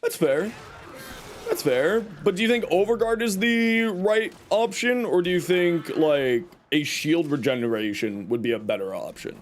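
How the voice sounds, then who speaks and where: A young man with a fairly high voice and lively intonation streams a game at an unhurried pace, his throat scratchy from a cold. He rambles as he reads and replies to chat, using lots of fillers.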